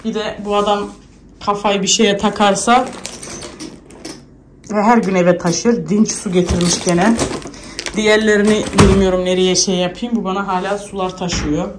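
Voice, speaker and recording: A woman's voice: medium pitch, flat delivery, normal speed, noisy background. A woman in her thirties with a Turkish accent, chatting to viewers in a casual home vlog while she cleans and calls after her kids. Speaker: vlogger, mother.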